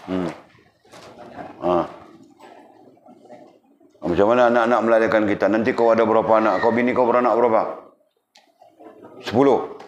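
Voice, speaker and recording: A man's voice: on the low side, steady tone, moderate pace, long pauses. A man giving a religious lecture, teasing and addressing his audience directly. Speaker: religious teacher. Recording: roomy, dull lo-fi, faint background noise.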